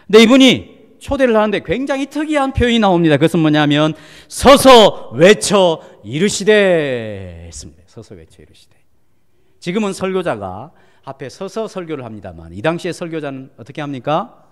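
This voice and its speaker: A man pastor preaching a Sunday sermon, asking the congregation questions and swinging from loud exhortation to hushed near-whispers. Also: on the high side. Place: church sanctuary. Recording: long church hall reverb.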